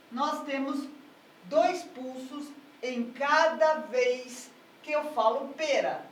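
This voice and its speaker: A woman's voice: sits high, slight background noise. A woman music teacher explaining harmony in a patient, step-by-step lesson. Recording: echoey room, mic at a distance.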